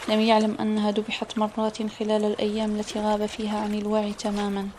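A woman narrating a novel as an audiobook in a steady, measured reading style. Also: mid-range voice, slight background noise.

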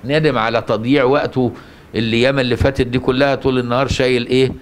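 Egyptian male Quran teacher, mid-pitched voice, questions the class and answers himself. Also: level tone, fast talker, a little hiss or hum. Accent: Egyptian Arabic. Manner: asks the listener rhetorical questions and answers them. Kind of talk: religious lesson.

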